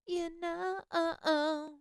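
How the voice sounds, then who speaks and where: A woman's voice: very high-pitched, flat delivery, drawn-out words, dry recording, clean studio sound. A woman co-hosting a podcast over a video call, chatting casually and candidly, laughing often and swearing freely. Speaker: podcast co-host. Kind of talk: casual chat.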